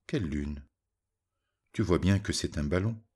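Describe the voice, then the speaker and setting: A man voicing a proud, playful cat king in a storybook, with a gravelly, husky voice and an offhand manner. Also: low voice, measured pace, a little mellow.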